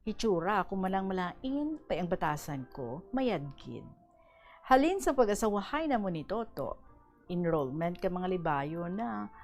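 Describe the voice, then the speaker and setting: A woman with a Hiligaynon accent hosting a radio program and reading a listener's letter aloud with lively, animated delivery. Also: medium pitch.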